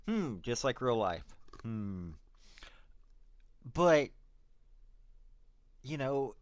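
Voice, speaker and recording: A man's voice: mid-range voice, no echo. Blunt, sarcastic man with a dry voice. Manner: blunt, casual, sarcastic asides. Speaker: commentator on prison investigations. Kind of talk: opinionated commentary reading reports aloud.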